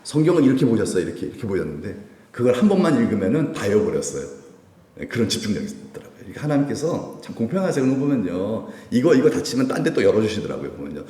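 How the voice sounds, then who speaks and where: Male pastor, sermon, lively questioning delivery, mellow voice, echoey church hall, far from the mic. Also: on the low side, racing. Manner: lively, asks the congregation questions. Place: church sanctuary.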